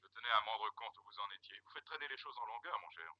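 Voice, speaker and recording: An actor playing a commanding superior heard over a telephone line in a 1960s spy film, curt and faintly ironic. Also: male voice, on the low side, animated, fast. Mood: impatient. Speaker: superior calling from abroad. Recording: thin muffled telephone sound.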